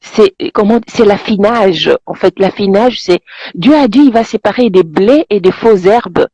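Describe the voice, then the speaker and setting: A woman's voice: mid-range voice, a little slow, dark tone, no echo, lo-fi sound. A woman from Congo, calling in by phone and rambling in a preachy way while laughing often. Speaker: caller. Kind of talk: phone-in commentary. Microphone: phone call.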